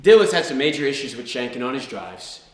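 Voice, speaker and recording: A man's voice: medium pitch, sing-song, a little fast. A man delivering a theatrical first-person monologue, telling his story dramatically with wry, dry humour. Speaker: solo stage performer. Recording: very echoey stage, distant microphone.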